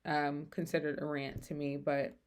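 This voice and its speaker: A young woman vlogger talking casually and candidly without a script, rambling and halting, her speech slightly impeded by braces. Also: low-pitched, flat delivery, darkish tone, slight background noise. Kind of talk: unscripted casual personal talk.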